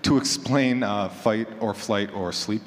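A fiction podcaster on a conference panel talks casually about his craft in a lowish voice at a measured pace, tossing out rhetorical questions and acting out imagined quotes. The hall is reverberant, with clear background noise.

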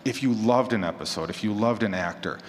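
Speaking briskly in a fairly low voice, a horror fiction podcaster takes part in a convention panel. He keeps his talk to the audience casual, conversational and encouraging. Captured in a big indoor room, the audio is echoey with clearly audible background noise.

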